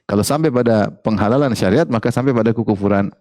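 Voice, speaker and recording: A male Islamic preacher giving a religious study lecture, often putting questions to the audience and repeating key phrases in a lively, joking teaching tone. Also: on the low side, quick pace, dry recording.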